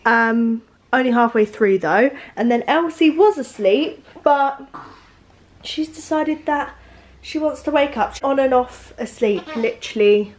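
A woman's voice: sits high, expressive, unhurried, low-quality recording. A young woman, chatting casually to camera from her car, rambling with lots of fillers. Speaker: vlogger. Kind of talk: casual vlog chat. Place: inside a parked car.

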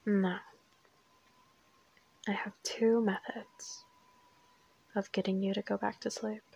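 In an audio roleplay, a woman plays a crazed, teasing, menacing female assassin who has kidnapped a captive. Her exaggerated voice is breathy, whispery and husky, with a gravelly fry and a darkish tone, held to a narrow, controlled pitch with a flat delivery. She taunts and threatens coolly and without hurry.

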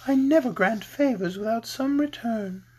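A man voicing a sweet, regal winged sorceress in a storybook, soft, breathy and stately. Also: extremely high pitch, normal speed, pitched above the performer's own voice. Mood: sweet, aloof. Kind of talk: storybook character reading.

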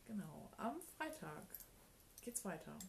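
Slow, gravelly woman reading a story. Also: mid-range voice, noisy background. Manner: calm, measured storytelling. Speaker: children's story reader. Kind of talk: reading a children's book aloud on a live stream.

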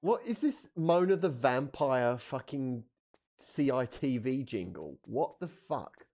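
A British man streaming a game with very lively, swinging intonation. He talks at an unhurried pace in a mid-range voice, swearing and joking in disbelief as he comments. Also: medium pitch, soft background music. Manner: sweary, incredulous, jokey. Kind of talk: casual gameplay commentary, reading game dialogue aloud.

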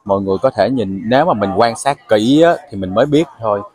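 A man's voice: fairly low pitch, lively intonation, fast talker, crowd noise. A man narrating a casual travel vlog, chatting to viewers as he walks through a crowded night market. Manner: chatty, explains to viewers with fillers. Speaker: travel vlogger.

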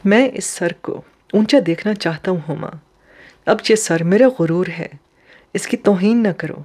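A woman's voice: medium pitch, darkish tone, close to an everyday voice. A woman voicing a tender, earnest young man who is moved to tears.

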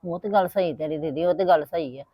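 An actress playing a worried, argumentative middle-aged village aunt with a Punjabi accent. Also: female voice, low-pitched, dark tone, no echo. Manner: quick, arguing, worried. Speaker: aunt of the son.

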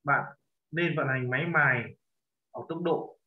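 A man leads a language lesson, patiently correcting a student's pronunciation and repeating phrases slowly. His voice sits slightly high. The recording is lo-fi and echoes around the room. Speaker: Korean language teacher. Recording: echoey, dull lo-fi room sound.

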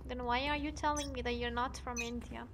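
A woman's voice: a little high, fairly even intonation, a little fast, noisy background. A woman streaming a game, chatting playfully with a teammate and her viewers. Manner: playful, laughing easily. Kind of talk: casual gaming livestream chat.

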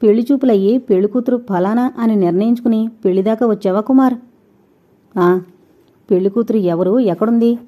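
A woman's voice: a little high, fairly quick, mellow, lightly acted. A woman playing a stern, indignant widowed mother. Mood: guarded. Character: proud widowed mother, older than her suitor. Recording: dull lo-fi recording.

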